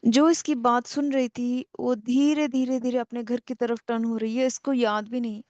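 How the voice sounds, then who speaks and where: A woman spiritual teacher telling a story slowly and repetitively, with many pauses. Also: a little high, steady tone, darkish tone, dry recording, muffled recording.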